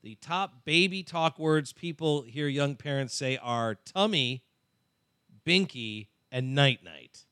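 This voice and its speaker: A man's voice: mid-range voice, expressive, slow, pushed and bright, smooth, dry recording. A man co-hosting a casual podcast, reading out poll figures in a dry, matter-of-fact way. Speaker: co-host.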